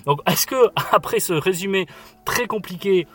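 A man's voice: sits high, animated, unhurried, fairly bright tone. Chatty man hosting a book podcast. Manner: chatty, enthusiastic, frequent fillers and "voilà". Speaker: podcast host. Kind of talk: casual book podcast chat.

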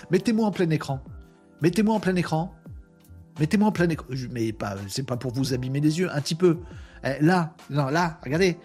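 A man's voice: fairly high pitch, expressive, moderate pace, a little mellow, faint music behind. A man hosting a live webinar, talking casually and with energy, using slang and addressing his chat viewers directly. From France. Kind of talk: casual live-stream talk.

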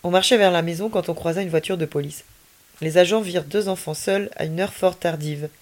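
A woman storyteller reading a children's story aloud in an expressive, lively way. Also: lowish voice, fairly quick.

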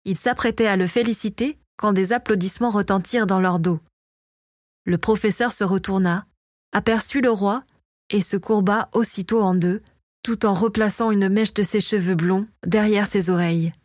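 A woman reading a fantasy novel aloud as narrator, in a steady storytelling voice, close to the mic. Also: medium pitch, moderate pace, dry recording. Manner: steady, even storytelling read. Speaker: audiobook narrator. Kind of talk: scripted narration.

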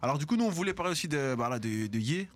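A man's voice: on the high side, expressive, rapid-fire. A man with a Belgian French accent hosting a casual hip hop radio show, joking and reading news items with many fillers. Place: radio studio.

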